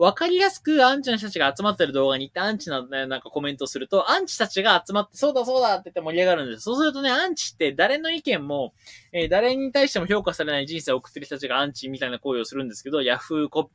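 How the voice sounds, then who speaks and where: Reading questions from chat, a male livestream host fires back answers fast, animated, blunt and jokey, his pitch bouncing around. The close mic gives a dry sound with no room tone.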